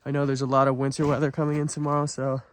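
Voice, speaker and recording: A man's voice: mid-range voice, completely flat delivery, racing. Offhand male camping vlogger, noisy recording. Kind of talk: casual overnight camping vlog narration.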